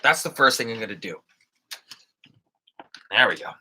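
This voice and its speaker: A man's voice: mid-range voice, animated, moderate pace, heavy background noise. A man hosting his own live stream, chatting casually and joking as he talks straight to viewers. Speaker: channel host on a live stream.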